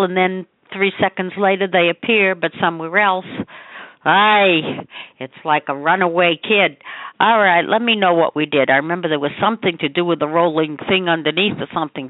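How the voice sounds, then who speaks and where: Speaking in a mid-range voice with no room sound, an older woman leaves chatty, wandering voicemails as a mother to her adult child. Her thoughts are scattered and frequently left half-finished, and the telephone recording comes through muffled and narrow-band.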